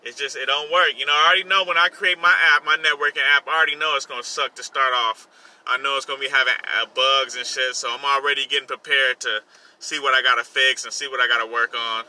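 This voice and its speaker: A man's voice: medium pitch, steady tone, fast talker, bright, forceful tone, poor audio. A man talking casually and informally in slang, repeating himself, as he hosts his own vlog segment from a car he is driving. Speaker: host of a personal podcast segment, songwriter. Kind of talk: casual solo vlog chat while driving. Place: inside a car while driving. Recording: vehicle noise in the background. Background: faint vehicle noise.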